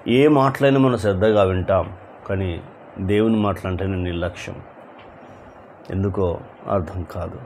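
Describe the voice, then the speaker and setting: A man's voice: low voice, measured pace, long pauses, a little mellow, slight background noise. A male pastor preaching an evening sermon, repeating rhetorical questions and rising suddenly on key words.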